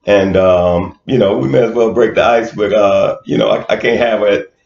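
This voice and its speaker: Laid-back male co-host, very low voice, roomy lo-fi sound, halting with fillers. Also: fairly even intonation, vocal fry, a little mellow. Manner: laid-back, hesitant with many fillers, laughs often. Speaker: podcast co-host. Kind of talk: casual chat.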